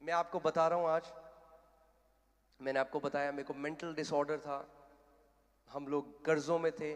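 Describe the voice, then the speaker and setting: Fervent Indian pastor preaching in a hall. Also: male voice, fairly high pitch. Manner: blunt and direct, rising to fervent shouting. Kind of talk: sermon. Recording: long hall reverb.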